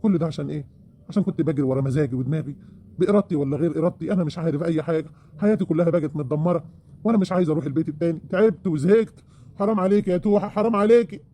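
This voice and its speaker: A man's voice: a little high, racing, dark tone, a little hiss or hum, close to an everyday voice. A man with an Egyptian accent playing a remorseful, self-pitying husband in an audio drama, pleading and wheedling. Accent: Egyptian Arabic.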